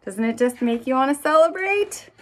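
Recorded at arm's length in a small room, a thirtysomething woman who writes for children presents and reads picture books aloud in a fairly high voice. She speaks at normal speed, expressively, addressing her young audience directly.

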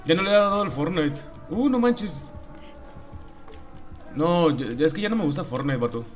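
A man's voice: a little high, expressive, quick pace, muffled recording, faint music behind. A young man with a Mexican accent streaming a game, chatting casually in slang and greeting viewers by name. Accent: Mexican Spanish. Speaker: gaming streamer. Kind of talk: casual livestream chat while gaming.

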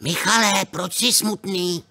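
Cheeky male puppet co-host for a kids' show: bright, sharp tone, chatty and teasing. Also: high voice, exaggerated voice. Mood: amazed cheerful. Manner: chatty, teasing, easily amazed. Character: playful plush puppet pal, male, cheeky. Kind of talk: children's TV puppet banter.

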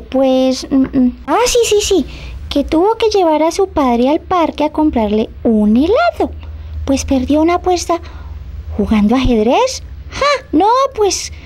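A woman's voice: sits high, darkish tone. A woman voicing a sweet but easily indignant female puppet presenter, coy and theatrical. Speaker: guest presenter. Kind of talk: puppet show dialogue.

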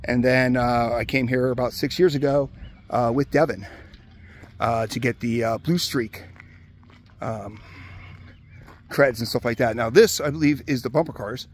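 A man from the Hershey area of Pennsylvania walking through a closed amusement park outdoors, giving relaxed, casual commentary with many "uh"s into a handheld camera. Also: mid-range voice, a little slow, long pauses. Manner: relaxed, chatty, many "uh" fillers. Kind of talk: casual walk-around commentary.

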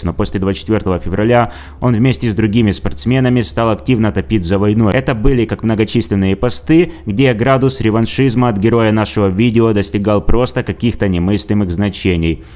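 A man with a somewhat low voice reads a scripted commentary. He talks in a sarcastic, mocking way throughout. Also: steady tone, fairly quick, hardly any pauses, a little mellow. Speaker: video blogger.

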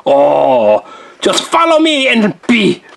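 A woman's voice: mid-range voice, huge pitch swings, slow, vocal fry, heavily acted. A woman doing a gallant candlestick butler. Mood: charming. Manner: flowery and courtly. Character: flattering, gallant male candlestick servant. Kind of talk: toy play voice.

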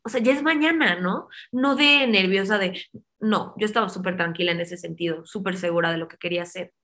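A woman in her twenties with a Mexican Spanish accent speaks as an interview guest at a middle pitch. She tells her story animatedly and slips into the voices of the people she quotes. Her speech is full of affectionate diminutives. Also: brisk, sharp tone. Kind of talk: casual personal storytelling.

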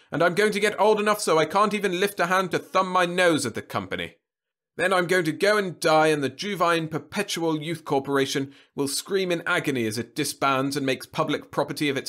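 A man voicing a gruff, sarcastic old male doctor with a savage edge. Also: a little high, a bit bright, pitched above the performer's own voice.

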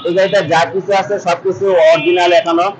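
A man's voice: high voice, flat delivery, fast talker, a little hiss or hum, rough recording. A man with a Bangladeshi Bengali accent, a car dealer eagerly reassuring buyers about each car. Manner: eager, reassuring, answers in short confirmations. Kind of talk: sales talk in an interview. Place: indoor car showroom.

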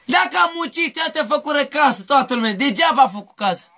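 A man with a very high, sharp, piercing voice rambles through a street interview. He pleads in circles and repeats the same questions again and again. He grew up in Mehedinți. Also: lively intonation. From Mehedinți, Romania.

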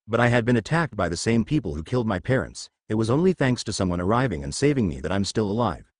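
A calm young hero with a quietly vengeful edge, read by a man in a lowish, animated voice, earnest and plain. The sound is close and dry. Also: quick pace, no echo.

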